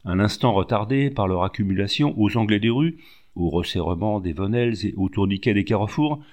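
A man reading a classic novel aloud as audiobook narration, measured and expressive. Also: on the low side. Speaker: audiobook reader.

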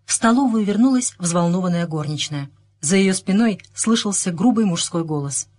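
A woman reading a story aloud as a narrator, in an expressive manner. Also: fairly low pitch, normal speed. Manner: expressive reading, raising her voice for characters' lines. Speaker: audiobook narrator. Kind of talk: scripted narration.

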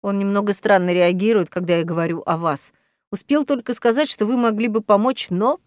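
A woman's voice: medium pitch, brisk, darkish tone, no room sound, lightly acted. Woman reading as weary alien starship captain. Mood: candid. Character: tired, earnest male alien starship captain. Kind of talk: audiobook character reading.

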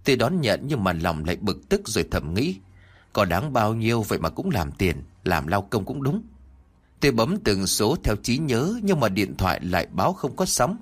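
A man narrating a first-person ghost story in an animated, dramatic way. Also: fairly low pitch, moderate pace, husky.

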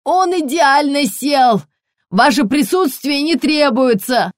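A woman reading an audiobook, voicing an irritable stout middle-aged male police colonel who speaks slowly in gruff, clipped bursts. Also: mid-range voice, dry recording, clean studio sound, close to an everyday voice. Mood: indignant. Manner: slow, gruff, loud clipped outbursts.

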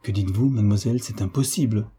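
A man voicing an earnest young gentleman in an audiobook, explaining gently and earnestly. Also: fairly low pitch, fast talker, breathy edge. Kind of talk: audiobook character reading.

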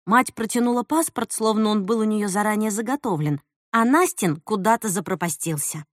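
A woman with a medium-pitched voice narrates a story in an expressive storytelling style at normal speed. She's an audiobook narrator reading scripted narration, recorded dry with clean studio sound.

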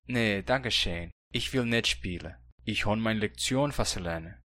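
Reading the student role in a textbook dialogue, a man with a Brazilian Hunsrik German accent sounds plain and inquisitive, like a learner. His fairly low voice is bright and forceful, delivered at a measured pace for a language course.

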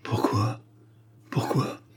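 A man voicing a greedy, bad-tempered grocer in an audiobook, snarling and shouting. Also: mid-range voice, a little fast, slightly rough, lightly acted.

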